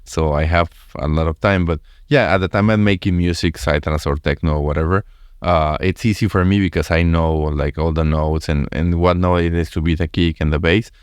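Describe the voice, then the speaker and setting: A man's voice: deep voice, brisk, clean tone, no echo, clean studio sound. A man in his thirties with a Spanish accent, hosting a casual English interview, often restarting his sentences. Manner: stammering restarts, relaxed and friendly. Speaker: podcast host.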